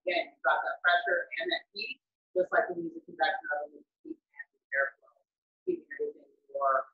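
A man's voice: a little high, huge pitch swings, fast talker. A man hosting a casual cooking demonstration, chatting in a rambling, self-deprecating way while he cooks. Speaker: chef hosting a live online cooking demo. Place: home kitchen. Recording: echoey, distant, phone-like audio.

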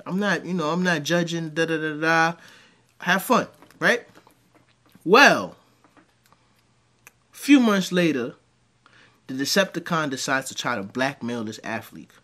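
In a dim home room with green light, a man hosts reaction commentary, rambling animatedly through crude stories and jokes. His voice is a little high and a little slow, broken by long pauses.

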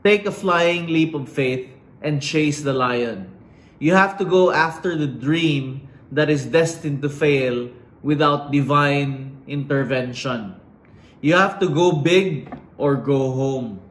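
A middle-aged man giving an inspirational commencement speech indoors, slow and dramatic with emphatic pauses. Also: fairly high pitch, fairly bright tone, slight background noise. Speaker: commencement speaker. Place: indoors against a plain wall. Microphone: fixed camera at chest framing. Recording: roomy echo.

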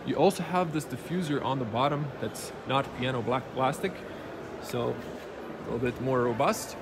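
A man's voice: medium pitch, moderate pace. A man walking around a car at an auto show, pointing out its details in a plain, matter-of-fact way, filmed on a handheld camera. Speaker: car reviewer. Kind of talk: walkaround car review. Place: indoor auto show hall. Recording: noisy auto show floor.

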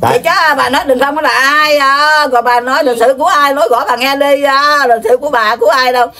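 Older woman, Southern Vietnamese accent, somewhat high voice, rambles on and scolds like a self-appointed spiritual elder. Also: steady tone, bright, forceful tone. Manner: lecturing and scolding, with drawn-out filler sounds. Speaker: self-proclaimed spiritual elder receiving visitors. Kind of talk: rambling, preachy monologue.

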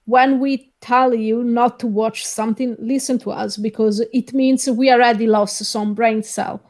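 A woman co-hosting a movie review, speaking as an in a deadpan, exasperated way. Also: fairly high pitch, measured pace. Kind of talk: casual chat.

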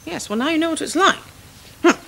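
A middle-aged woman playing a brisk, fond but exasperated scout leader in a children's comedy, giving bossy, patient instructions outdoors. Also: high-pitched, creaky, fairly bright tone. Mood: instructing. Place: outdoor garden set.

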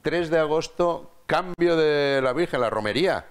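A man in his forties hosting a TV interview in a small studio, enthusiastic and quick to interject, on a lapel mic. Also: on the high side, lively intonation, smooth. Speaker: TV host. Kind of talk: conversational interview.

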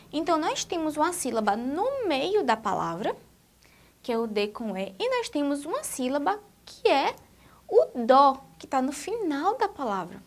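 Slow sing-song teacher woman, very lively. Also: high voice. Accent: Brazilian Portuguese. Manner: sing-song, slow and exaggerated for young children. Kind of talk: children's literacy lesson.

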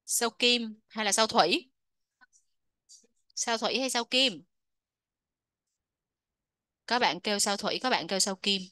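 A woman English teacher explaining a textbook lesson, asking her students questions and drilling pronunciation slowly. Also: medium pitch, pushed and bright, no echo.

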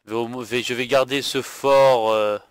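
A man's voice: medium pitch, fairly even intonation, moderate pace, clean tone. A tired man narrating his own strategy game playthrough, thinking aloud with frequent hesitations. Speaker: gaming video host. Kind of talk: let's play commentary.

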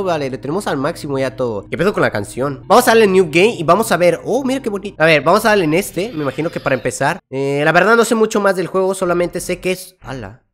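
Jumpy Mexican man gaming, yelling when startled. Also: high-pitched. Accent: Mexican Spanish. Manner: jumpy, swears a lot, yells and laughs when startled. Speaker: gaming YouTuber. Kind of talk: horror game let's play commentary.

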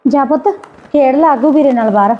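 A woman's voice: high-pitched, a little fast, lo-fi sound, a little hiss or hum, natural voice. A woman playing a patient mother who pleads and placates while defending her son. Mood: doting. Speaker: visiting daughter and mother.

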